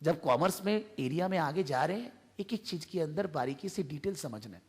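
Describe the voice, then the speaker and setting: A man's voice: fairly high pitch, lively intonation, brisk, husky. Indian man lecturing in a reverberant classroom. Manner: explains by repeated examples and questions. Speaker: accounting tutor. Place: tuition classroom.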